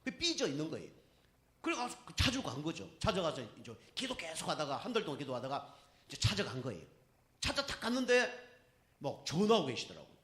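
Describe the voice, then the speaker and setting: Animated Korean pastor in an echoey church. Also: male voice, a little high, fast. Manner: animated storytelling, voicing others in quotes. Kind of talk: sermon. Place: church sanctuary.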